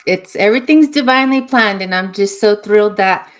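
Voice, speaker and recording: Woman from new mexico chatting on a podcast, earnest, mid pitch, trails off soft at the ends. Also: brisk. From New Mexico, USA. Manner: earnest, reflective, often trails off softly. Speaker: guest, spiritual healer. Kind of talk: casual interview storytelling.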